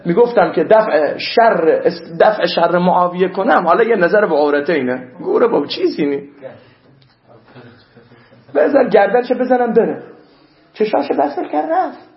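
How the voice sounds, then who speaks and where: This roomy, muffled lo-fi recording captures a high-pitched male cleric giving an animated sermon. He alternates his preaching with recited Arabic verses, and the audio stays dull throughout.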